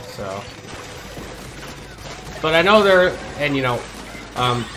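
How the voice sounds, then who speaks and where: This gaming channel host talks loosely as he plays, congested from a cold. His medium-pitched delivery is relaxed but halting, full of ums and false starts.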